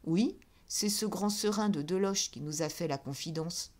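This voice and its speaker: A woman voicing a thin, cold and envious male shop clerk who speaks low and slyly. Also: normal speed, a little mellow, close to an everyday voice. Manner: low-voiced, sly.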